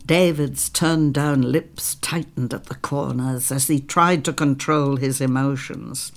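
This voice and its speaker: Male audiobook narrator, slow and calm, measured reading. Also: mid-range voice. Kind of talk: scripted narration.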